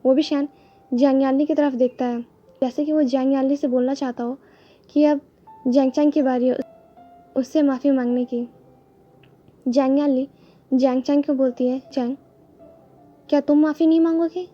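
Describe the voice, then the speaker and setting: A woman's voice: high-pitched, level tone, moderate pace, long pauses, dark tone. A woman narrating a fan story aloud, reading plainly and steadily. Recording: dull lo-fi with faint music.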